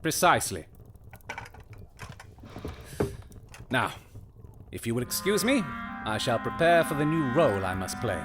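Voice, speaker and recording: An actor playing Sherlock Holmes as a shrewd, confident gentleman detective, precise and theatrical in an audio drama. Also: medium pitch, very animated, moderate pace, over loud music, close to an everyday voice. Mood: commanding, precise. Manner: precise, instructing, theatrical delivery.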